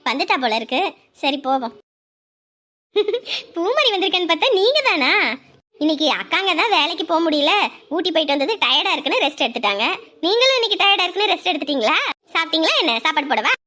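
A steady, comforting young wife in a serial drama. Her very high voice reassures with a firm edge. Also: fast talker, full character voice. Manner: reassuring, scolding at times. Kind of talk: TV serial acting.

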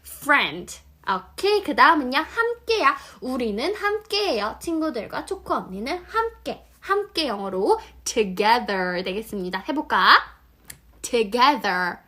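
A woman's voice: a little high, sing-song, slow pace, sharp tone. A woman teaching English words to children in a playful, sing-song way, acting out little scenes. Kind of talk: children's vocabulary lesson. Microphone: phone filming vertical video.

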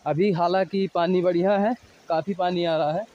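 Walking a village and then a forest trail, a thirty-something man vlogs his travels to viewers from a phone held out at arm's length. His high-pitched voice moves at a normal speed with fairly even intonation, and the recording's highs are cut off.

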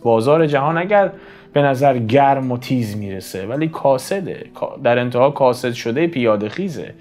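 A man reciting classical poetry in a raised, declaiming voice and then explaining it in quick, casual talk. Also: mid-range voice. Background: faint instrumental music.

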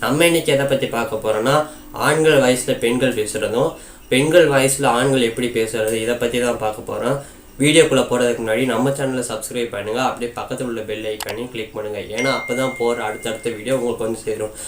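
Talking at a quick pace in a steady, medium-pitched voice, this man shows off a phone app to his YouTube tech audience. He's informal and rambling, leaning on the same filler phrases, and there's faint noise in the background.

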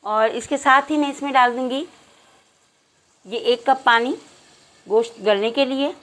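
A woman hosting a cooking channel, giving calm step-by-step recipe instructions to her viewers in a home kitchen. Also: high voice, a little slow, low-quality recording.

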